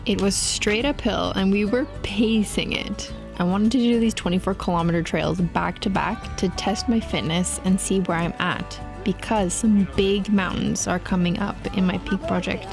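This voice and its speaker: A woman's voice: mid-range voice, steady tone, normal speed, gravelly. Upbeat woman vlogger over music. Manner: chatty and upbeat, laughs often. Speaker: travel vlogger. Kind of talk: casual vlog narration. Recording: background music under voice.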